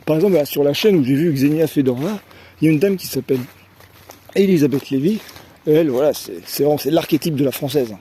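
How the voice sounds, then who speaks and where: A man's voice: a little high, fast talker, mellow, slight background noise. A man from France talking in a casual opinion monologue as a vlogger, rambling on fillers and tag questions and repeating words as he searches for phrasing.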